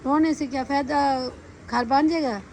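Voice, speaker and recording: Woman vlogger, high voice, chatty and reassuring, with a lot of background noise in a home phone recording. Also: fairly even intonation, a little slow, creaky, darkish tone. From Pakistan. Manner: talkative, comforting and directing others. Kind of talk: casual family chat.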